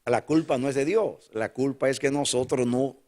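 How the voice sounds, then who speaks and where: An older man preaching a sermon as a pastor, emphatic and repetitive, dropping now and then into soft asides. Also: medium pitch, normal speed.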